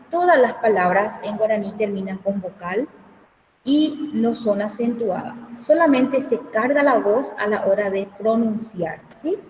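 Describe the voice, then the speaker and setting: Slow, echoey woman teaching a class. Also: medium pitch, darkish tone, a little hiss or hum. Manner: slow, explanatory, checks understanding with frequent "¿sí?". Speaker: Guarani language teacher. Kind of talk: online class lecture. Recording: echoey room, voice from far off the mic.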